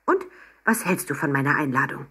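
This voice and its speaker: A woman voicing a kindly, gentle old male professor in a children's storybook. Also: low-pitched, very animated, brisk, slightly rough, full character voice.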